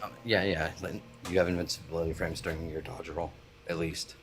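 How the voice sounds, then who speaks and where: A man's voice: low-pitched, steady tone, a little fast, vocal fry, over music. A man calling in to chat and debate, talking hesitantly with many fillers and a dry manner. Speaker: caller. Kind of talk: casual call-in chat and debate.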